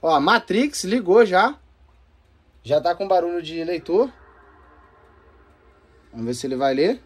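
Expressive and husky at a measured pace, this mid-range voice belongs to a gaming channel host. With a Brazilian accent and a casual, joking style, he chats viewers through trying out game consoles in slangy talk.

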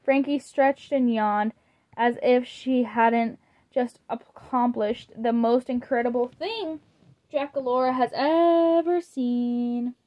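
High-voiced woman reading a storybook slowly. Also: lo-fi sound. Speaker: storybook reader. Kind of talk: reading a children's book aloud.

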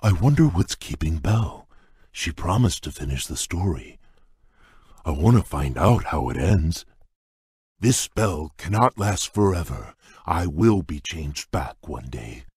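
An actor playing a shy, gentle male beast prince in a game, talking in a halting, bashful way with a husky, rumbling voice. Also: big pitch swings, no room sound, studio quality, exaggerated voice. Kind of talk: game voice clips.

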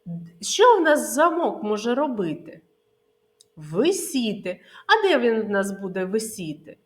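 A very animated, fairly high-pitched woman, a preschool teacher from Ukraine, runs a literacy lesson for small children. Her words come slowly and clearly, and every question she asks, she answers on her own.

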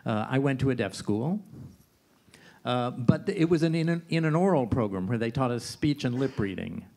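Halting man interpreting at a panel. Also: mid-range voice, expressive, creaky, darkish tone. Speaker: interpreter voicing for a signing panelist. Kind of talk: live interpreted panel talk in first person. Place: auditorium during a live panel.

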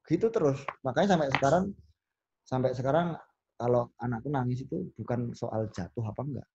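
A man, a podcast guest telling stories in a relaxed chat and acting out the lines he quotes. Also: mid-range voice, brisk, muffled recording, noisy background. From Solo, Central Java. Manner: animated storyteller who acts out quoted lines. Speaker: podcast guest, business owner.

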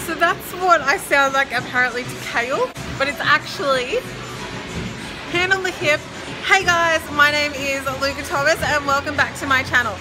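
A woman's voice: high voice, moderate pace, poor audio. A woman, a personal trainer, teasing and dry in casual banter on camera. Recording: gym music playing loudly behind.

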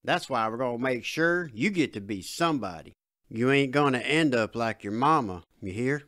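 A man's voice: mid-range voice, lively intonation, moderate pace, a bit bright, no room sound, studio quality, close to an everyday voice. Man playing drawling redneck dad. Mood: gruff. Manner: drawling dialect. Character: middle-aged redneck father, gruff but proud.

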